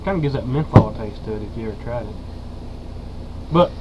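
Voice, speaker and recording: A man's voice: mid-range voice, animated, brisk. An eighteen-year-old man with a Southern US accent, chatting casually as he reviews products. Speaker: dip reviewer. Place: small room indoors. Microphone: webcam or computer mic at arm's length. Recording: muffled, noisy webcam audio.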